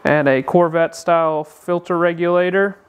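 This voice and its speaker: A man hosting a casual walkthrough of a vehicle build in an indoor workshop, explaining things in a relaxed way with frequent filler sounds, recorded on the handheld camera he films with. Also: a little high, moderate pace, clean tone. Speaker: car builder and channel host.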